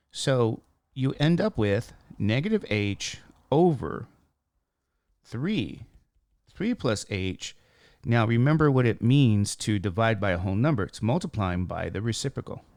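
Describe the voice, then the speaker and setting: Squeaky-voiced man teaching math, close dry sound. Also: darkish tone, no room sound. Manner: talks through steps, posing and answering questions. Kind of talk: informal worked-example lesson, thinking aloud.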